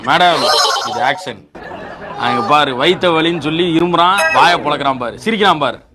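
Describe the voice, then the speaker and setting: A man's voice: a little high, normal speed, a crowd in the background, close to an everyday voice. An actor playing a mocking young man in a comedy film, teasing his friend. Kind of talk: comic film dialogue.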